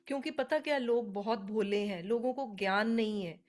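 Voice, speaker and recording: Woman, astrology teacher on a webinar call, earnest and chatty, slightly high voice. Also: normal speed, a little mellow. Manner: chatty, earnest, addresses attendees by name. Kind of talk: live online webinar teaching. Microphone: video call.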